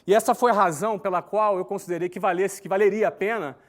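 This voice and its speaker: Speaking fast in a high voice, a man in his forties talks conversationally to an online audience in a recording. He frequently tosses in tag questions and runs through points with an emphatic, lively rhythm.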